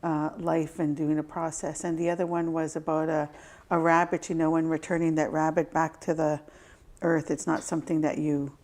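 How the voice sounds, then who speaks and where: A woman as an interview guest, answering gently and thoughtfully, pausing to find her words. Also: deep voice, little pitch movement.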